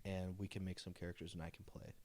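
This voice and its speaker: A young man co-hosting a casual podcast chat, excitable and boastful, swearing freely as he talks about the games he runs. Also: low-pitched, fast talker. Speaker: podcast co-host and dungeon master.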